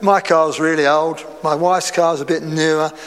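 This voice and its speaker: High-voiced preacher in an echoing hall. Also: male voice, little pitch movement, moderate pace, fairly bright tone, smooth. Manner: conversational preaching with chatty asides and humor. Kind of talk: sermon. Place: church hall before a congregation. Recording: reverberant hall.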